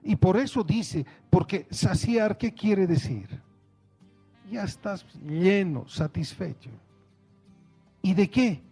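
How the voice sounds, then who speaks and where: A man preaching with a husky, mellow voice that sits a little high. He takes his time and lets each phrase land, asking the congregation question after question. Faint music plays behind him in the church. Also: animated. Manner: slow, deliberate preaching with rhetorical questions. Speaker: pastor. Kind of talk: sermon.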